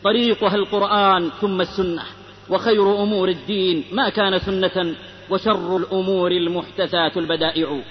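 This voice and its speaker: Brief: male preacher from the Hijaz, very high voice, urgent pleading sermon, reverberant dull old recording. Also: steady tone, a little fast. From Hijaz, Saudi Arabia. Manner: impassioned, pleading, rhythmic rhymed delivery. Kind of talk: fervent sermon with storytelling.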